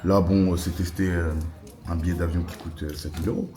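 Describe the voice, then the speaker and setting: A French-accented man in his twenties vlogs casually from an airport lounge, talking straight to camera in a slangy, chatty way and calling his viewers "les gars." His low voice is fairly even in intonation and a little fast. Noisy airport ambience fills the background.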